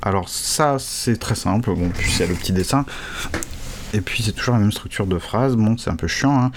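Halting man teaching a casual language lesson. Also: lowish voice, expressive, noisy background. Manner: hesitant, halting, with many restarts and casual slang.

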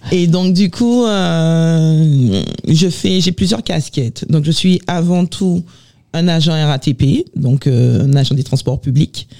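Une femme de quarante et quelques années, originaire de Guadeloupe, invitée dans un studio de radio, qui se présente d'un ton vif en riant souvent. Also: female voice, deep voice, measured pace, vocal fry. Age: 40s. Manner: lively, laughs often, lists her activities. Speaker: radio guest. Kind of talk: casual radio chat.

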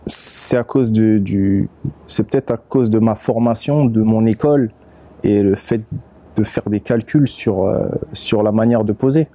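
A man, a rapper and beatmaker, speaking as a guest in a casual interview, relaxed and unhurried, often pausing to search for his words. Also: lowish voice. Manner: relaxed, unhurried, with many fillers and restarts.

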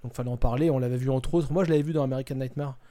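A man's voice: medium pitch, fairly even intonation, rapid-fire, warm tone. A man hosting a casual podcast chat, talking hesitantly with lots of fillers and restarts. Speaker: podcast host presenting a topic.

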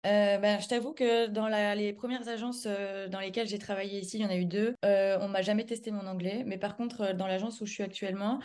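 Casting: French-accented woman, podcast guest, chatty and hesitant, mid-pitched voice. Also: little pitch movement, brisk, few pauses, a little mellow. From France. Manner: chatty, hesitant, many filler sounds and laughs. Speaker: guest, public relations adviser. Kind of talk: casual podcast conversation.

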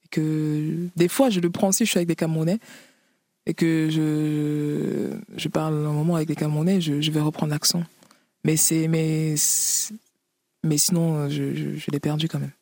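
A woman's voice: sits low, flat delivery, normal speed, dark tone, dry recording. Hesitant woman author, dry studio sound. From Paris region, France. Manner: hesitant, many fillers, frequent laughs. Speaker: author guest. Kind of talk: interview conversation.

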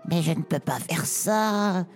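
A man's voice: sits high, measured pace, a little mellow, soft background music, voice pushed up. A man voicing a small, timid young dragon in a storybook tale, talking in a shy, stammering way. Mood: sad. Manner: stammering, hesitant.

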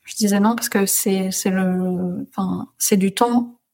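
A woman's voice: mid-range voice, fairly even intonation, a little slow, a little mellow. A woman guest in a casual interview, speaking hesitantly with many filler sounds.

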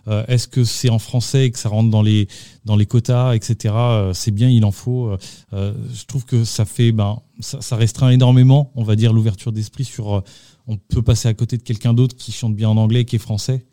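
A man, a pop singer, answers interview questions on the radio in a halting way, full of fillers and restarts. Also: lowish voice, little pitch movement, dark tone, dry recording, clean studio sound. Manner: hesitant, lots of fillers and restarts. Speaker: singer and musician guest.

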